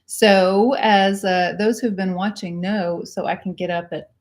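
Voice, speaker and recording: A woman's voice: mid-range voice, fairly even intonation, a little slow, a little mellow. A woman co-hosting a casual cruise livestream from home, chatty and giggly with many fillers. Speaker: co-host of a cruise channel livestream. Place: home indoors.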